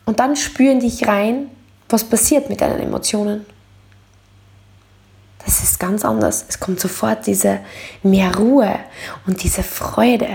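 A woman hosting a motivational coaching podcast, speaking earnestly and straight to the listener, and sometimes dramatizing worries in quick, heightened bursts. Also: mid-range voice, expressive, creaky, a little mellow. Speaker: podcast host.

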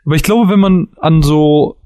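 A man with a slightly raised voice, co-hosting a casual games podcast. He explains things in a relaxed way and acts out bits of dialogue. The recording is dry and close. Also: a little high, normal speed, clear, resonant tone, no room sound. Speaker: podcast co-host. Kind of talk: casual chat about video games.

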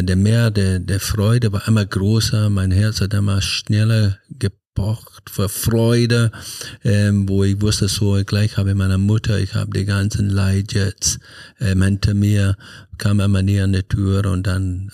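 Low, gravelly man from Scotland. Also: mellow, dry recording, clean studio sound. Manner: earnest, halting storytelling in non-native German. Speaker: podcast guest. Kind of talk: personal life story in an interview.

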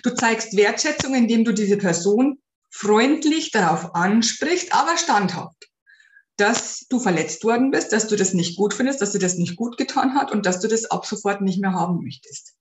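This spiritual life coach hosts a casual advice podcast, addressing the listener earnestly and directly. Her medium-pitched voice is animated at a moderate pace, recorded in a home room with a window, with roomy echo and slight hiss or hum.

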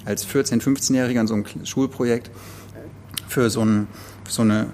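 A man's voice: mid-range voice, steady tone, a little fast, a little mellow, a little hiss or hum. A man from eastern Germany co-hosting a literary podcast, talking through a novel in a rambling, thoughtful way with many restarts. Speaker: podcast co-host. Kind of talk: casual book discussion.

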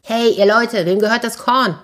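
A woman storyteller voicing a sly, flattering talking tomcat in boots who orders farm workers about and sweet-talks a wizard. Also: a little high, moderate pace, voice pushed up, close to an everyday voice. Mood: commanding. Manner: bold, persuasive, theatrically flattering.

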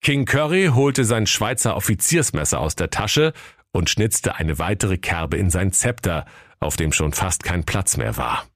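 Deep guy reading a silly fairy tale for kids, playful, dry studio sound. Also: a little slow, dry recording. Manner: lively, playful storytelling. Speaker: storyteller. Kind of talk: scripted comic fairy-tale narration.

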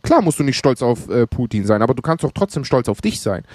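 A man's voice: mid-range voice, very animated, fast talker, darkish tone, no room sound, clean studio sound. A man co-hosting a podcast, speaking earnestly in casual talk and repeating points for emphasis. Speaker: podcast co-host. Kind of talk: casual conversation.

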